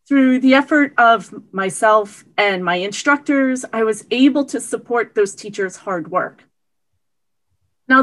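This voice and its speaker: A woman giving a prepared award acceptance speech over a video call, earnest and steady. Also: mid-range voice, low-quality recording. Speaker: award recipient.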